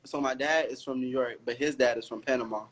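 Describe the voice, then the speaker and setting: A man's voice: mid-range voice, steady tone, fast talker, rough recording. A young man from Florida calling into a livestream, talking in a loose, slangy, rambling way. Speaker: caller on a livestream. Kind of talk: casual chat.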